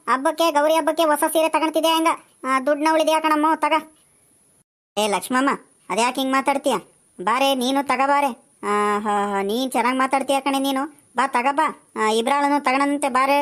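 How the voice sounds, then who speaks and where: Woman as a bossy village woman, high voice, nagging banter, comedy skit. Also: a bit bright. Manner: nagging, teasing back-and-forth chatter. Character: chatty, bossy village woman shopping for saris.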